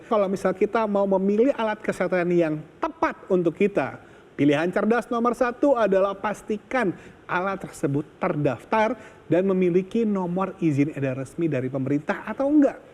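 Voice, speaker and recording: A man presenting an infomercial, delivering a persuasive sales pitch straight to viewers. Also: a little mellow, big-room sound. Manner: persuasive, urging viewers to call.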